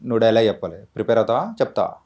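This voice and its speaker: A man's voice: on the low side, animated, racing, darkish tone. A man interviewing child actors in a casual, playful and encouraging way, mixing in English words.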